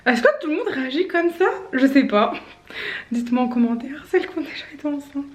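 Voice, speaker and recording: Young female vlogger, high-pitched, jittery, slips into whispers; casual chat. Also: expressive, brisk. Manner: nervous, often whispering to the camera. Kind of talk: casual vlog.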